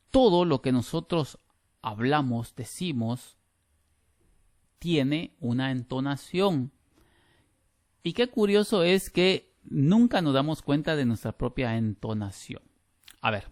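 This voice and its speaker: A middle-aged man, teaching a grammar class over a video call, lively and emphatic with frequent restarts. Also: mid-range voice, no room sound, studio quality. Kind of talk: online class lecture.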